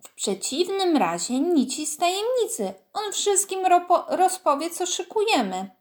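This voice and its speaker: A woman's voice: very high voice, sing-song, a little slow, voice pushed up, heavily acted. A woman voicing a chatty little schoolgirl who talks in a conspiratorial way. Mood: eager.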